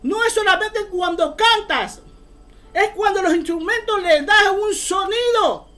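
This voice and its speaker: A woman's voice: extremely high pitch, a little slow, fairly bright tone. A woman preaching a fervent sermon, often calling her listeners brother.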